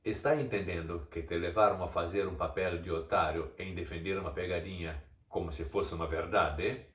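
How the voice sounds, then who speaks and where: A man's voice: low voice, steady tone, normal speed, fairly bright tone. A man reading a scripted video essay, explaining step by step and asking mocking rhetorical questions. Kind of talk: scripted narration. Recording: echoey room, distant mic.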